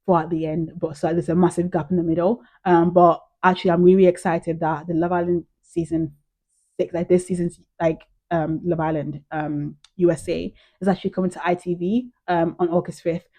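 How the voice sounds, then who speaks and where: A young British woman vlogs in casual chat, gushing and peppering her talk with "like" and "um". Her voice sits a little low, with a warm, mellow tone. She talks straight to camera. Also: little pitch movement, fairly quick. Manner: chatty, gushing, heavy use of "like" and "um". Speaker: vlogger.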